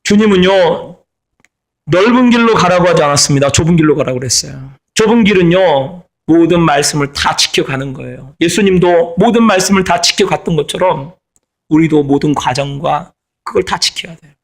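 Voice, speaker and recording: A man's voice: a little high, moderate pace. A middle-aged man preaching a sermon as pastor, stressing and repeating his key phrases.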